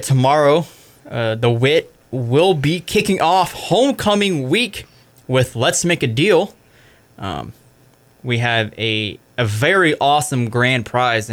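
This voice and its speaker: A man's voice: medium pitch, fairly bright tone. Young male college radio host reading scores and stats, loose and chatty, often corrects himself. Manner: casual, fills with "I mean", corrects himself. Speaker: sports show host. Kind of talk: college radio sports recap.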